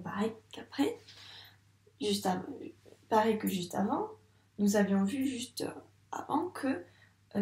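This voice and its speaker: This slow, clear video for young children features a primary school teacher with a French accent helping them learn to read. She uses a mid-range, darkish voice in an echoey room, patiently sounding out syllables.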